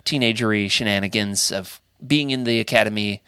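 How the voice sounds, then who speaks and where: A man's voice: lowish voice, a little fast, sharp tone, clear, resonant tone, no echo, studio quality. A man hosting a casual fan podcast, talking enthusiastically in a rambling, jokey way. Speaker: podcast host.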